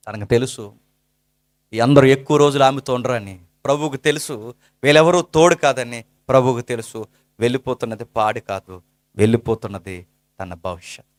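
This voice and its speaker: Male preacher, sermon, impassioned, rhetorical questions, hushed-to-loud swings, dry close sound. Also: medium pitch, moderate pace, no echo.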